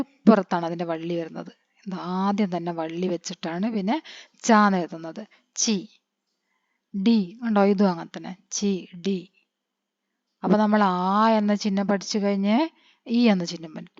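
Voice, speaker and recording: A woman, teaching a patient lesson and spelling letters out slowly, quizzing her pupils as she goes. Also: mid-range voice, a little mellow, no echo. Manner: patient, asks the children questions and answers them. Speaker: Hindi teacher. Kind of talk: classroom-style lesson. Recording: dry, dull lo-fi recording.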